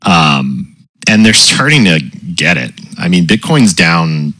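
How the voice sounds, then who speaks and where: A man hosting a community call through a voice changer that pitches his voice very deep, chatting casually and checking in with "right?" and "you know". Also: slow, no room sound. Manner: relaxed, explains with frequent "right?" and "you know". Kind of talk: casual chat.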